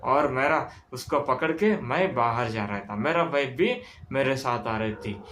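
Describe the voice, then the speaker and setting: A man telling a story in the first person, halting, with restarts and English words mixed in. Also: medium pitch, lively intonation, fairly bright tone, slight background noise.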